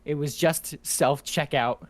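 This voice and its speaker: A man's voice: on the high side, fairly even intonation, takes it slowly, no room sound. A man co-hosting a podcast in casual chat, who laughs often and swears casually. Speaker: podcast co-host.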